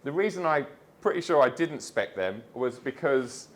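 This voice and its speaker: A man's voice: mid-range voice, lively intonation, normal speed. A man chatting enthusiastically as a vlogger while collecting his new car at a dealership. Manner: enthusiastic, chatty, says "mate". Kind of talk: casual chat.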